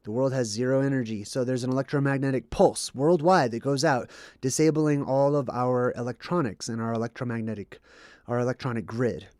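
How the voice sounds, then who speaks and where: Here the livestream host talks fairly quickly with fairly even intonation, his mid-range voice darkish and free of echo. Somewhat congested and under the weather, he explains things to his audience, reads chat, and keeps checking in with "okay" or "right."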